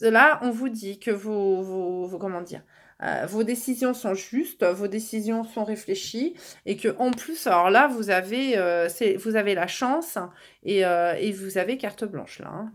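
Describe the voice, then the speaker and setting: A woman's voice: medium pitch, measured pace. A woman from France giving casual, reassuring tarot guidance to viewers, with lots of fillers and restarts. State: losing her voice. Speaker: tarot card reader. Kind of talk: casual card-reading guidance.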